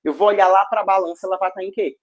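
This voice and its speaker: A man teaching a physics class online, energetic and jokey, full of slang and check-ins with the students. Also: sits high, quick pace.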